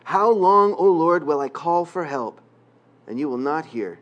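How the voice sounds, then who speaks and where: The middle-aged guest preacher from Quebec, with his Canadian accent, offers a conversational sermon with self-deprecating jokes and prayer. He sounds expressive and fairly bright, high-ish and a little slow, though the recording is muffled.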